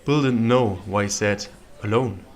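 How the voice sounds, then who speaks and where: A man narrating a scripted story in old-fashioned radio drama style, with dry, measured delivery. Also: fairly low pitch, flat delivery.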